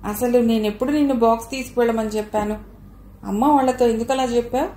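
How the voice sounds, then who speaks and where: A woman's voice: on the high side, fairly even intonation, fast talker, dark tone, lightly acted. A woman reading a remorseful young wife. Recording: roomy recording, faint hiss.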